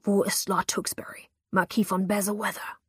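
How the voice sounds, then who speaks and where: A woman's voice: mid-range voice, flat delivery, moderate pace, breathy edge, dry recording, studio quality. A woman reading an audiobook who voices a menacing male knife attacker in a hissing, threatening whisper. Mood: hissing threat.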